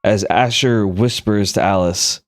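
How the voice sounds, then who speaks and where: A man's voice: on the low side, a little slow, no room sound, studio quality. A man narrating a tabletop game casually as game master.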